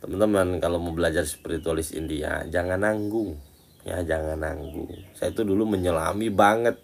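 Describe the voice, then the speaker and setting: A man with a low, gravelly voice gives a relaxed religious lesson. He talks to his listeners like friends, teasing as he goes. He jumps from loud, emphatic lines down to quiet, muttered asides. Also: moderate pace. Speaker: Islamic religious teacher. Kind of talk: casual Islamic study talk.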